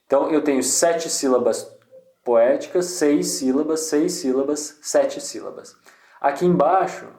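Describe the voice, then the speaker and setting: A man's voice: fairly high pitch, measured pace, mellow, reverberant. A man giving a casual screen-share tutorial, thinking aloud with many restarts. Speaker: poetry channel host.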